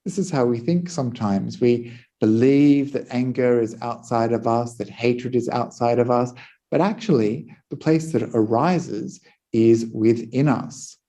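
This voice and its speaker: A Buddhist monk giving a dharma talk, telling a teaching story in a calm way. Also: male voice, mid-range voice, a little slow.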